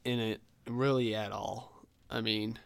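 A man's voice: on the low side, fairly even intonation, unhurried, creaky, no echo. A man co-hosting a podcast in casual chat, laid-back and laughing along. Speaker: podcast co-host.

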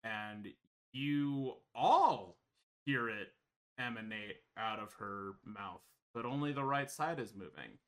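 A man narrating as game master of a tabletop horror game, talking with many pauses and restarts. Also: fairly low pitch, expressive, a bit bright, clear, resonant tone. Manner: halting, many ums and restarts.

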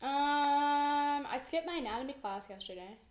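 A woman's voice: sits high, expressive, measured pace. A young woman co-hosting a film podcast, chatting casually in an informal, rambling, giggly way from inside a house. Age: young adult. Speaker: podcast co-host. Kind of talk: casual film review chat. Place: echoey room in a house. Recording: echoey room in a house.

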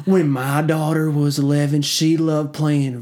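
A man voicing a chatty, kind middle-aged Southern mother with a slow, drawling, sweetly sing-song Southern US accent. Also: on the high side, level tone, darkish tone, close to an everyday voice. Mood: gushing.

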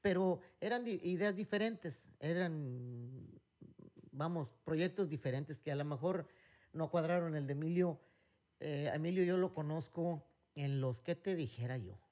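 A man's voice: fairly high pitch, unhurried, a little mellow. Rambling Mexican man telling stories. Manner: rambling storyteller, many fillers and restarts. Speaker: podcast co-host. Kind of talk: casual chat.

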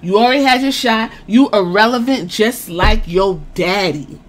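A woman excitedly retelling a wrestling press conference in casual, profane storytelling, acting out what each man said. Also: mid-range voice, moderate pace. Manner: excited, swears a lot, acts out quotes.

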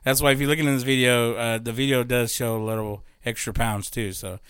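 A man in his thirties hosts a loose, chatty podcast while still out of breath, his sentences trailing off and restarting as he laughs at himself. His voice sits at an ordinary middle pitch. The sound is dry and close, with no room echo. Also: steady tone, a little fast, a bit bright, smooth. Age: 30s. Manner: rambling, laughing, self-mocking. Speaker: podcast host. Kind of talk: casual podcast chat.

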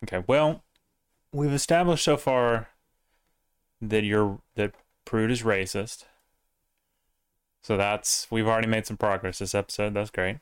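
A man's voice: on the low side, a little slow, long pauses, clear, resonant tone, dry recording, clean studio sound. A man co-hosting a casual podcast, joking around and bantering with his friends. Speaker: podcast co-host. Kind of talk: casual chat.

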